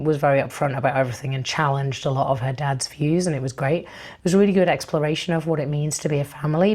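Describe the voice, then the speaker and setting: Low-voiced woman losing her voice. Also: darkish tone. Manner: chatty, rambling with ums. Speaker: book vlogger. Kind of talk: casual book review vlog.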